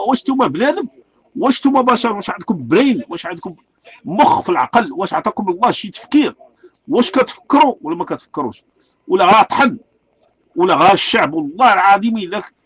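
A man's voice: high-pitched, fairly bright tone, husky, poor audio. A man with a Moroccan Arabic accent, delivering an angry, repetitive rant full of rhetorical questions. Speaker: street artist speaking out. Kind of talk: impassioned rant.

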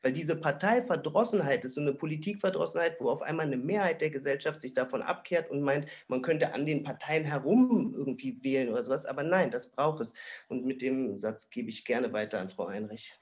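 A man's voice: mid-range voice, brisk. A young man, a panel guest on a video call, speaking earnestly. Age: young adult. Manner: earnest, gesturing. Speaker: panel guest, party founder. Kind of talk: online panel discussion.

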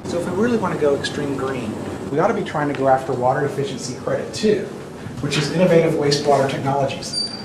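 Brisk male show host, a bit high, recorded from afar in a noisy room. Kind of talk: mock news hosting. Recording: distant, echoey, noisy.

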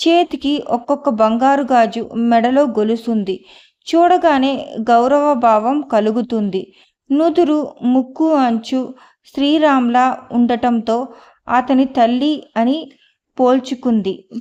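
Slow, high-voiced woman reading a story. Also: lo-fi sound. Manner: calm, measured storytelling. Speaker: audiobook narrator. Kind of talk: scripted story narration.

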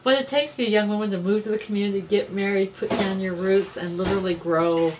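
Talking fast at medium pitch with fairly even intonation, a middle-aged woman interviews a guest in a small, cluttered office, with background noise audible. She's an extension director, and the casual interview is effusive and enthusiastic, full of frequent laughter.

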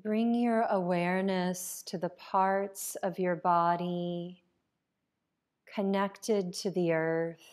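A woman guides a yoga nidra meditation, calm and unhurried, letting long pauses fall between her phrases. Her voice is lowish.

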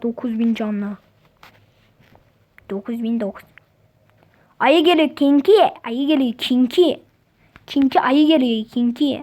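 Brief: high-pitched woman, excitable mobile game commentary, slangy and repetitive. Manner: excitable, slangy, repeats words in chants. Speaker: gaming channel host.

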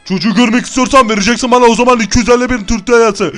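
A man's voice: extremely high pitch, racing, a bit bright, faint music behind. A man voicing a menacing male kidnapper who makes threats during a game video. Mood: threatening.

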